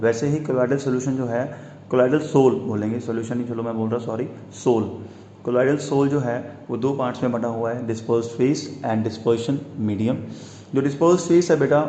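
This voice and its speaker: A man's voice: medium pitch, dark tone, a little hiss or hum. A man with an Indian accent giving a lecture that mixes Hindi and English, explaining step by step and often checking whether students have understood. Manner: explains slowly, often checks "clear?" and calls students "beta". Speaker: teacher. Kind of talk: Hinglish classroom lecture. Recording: echoey room, slightly dull sound.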